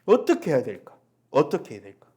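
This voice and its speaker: A man's voice: on the high side, wildly swooping pitch, quick pace, a little mellow, slightly rough. A middle-aged male pastor preaching a Sunday sermon, asking the congregation rhetorical questions and answering them himself.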